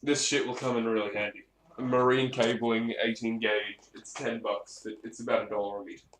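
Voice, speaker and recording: A mid-range male voice with little pitch movement, speaking at normal speed, walks through a casual gear demo. The hobbyist presenter rambles off the cuff and swears a bit. The room is echoey, with clicks and clear background noise.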